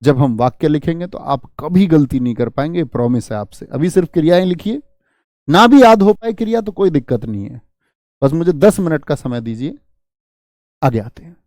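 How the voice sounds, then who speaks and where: A man's voice: on the high side, lively intonation, normal speed, a little mellow, no echo, studio quality. A man teaching a Hindi grammar class, drilling students with rhetorical questions and calling them friends.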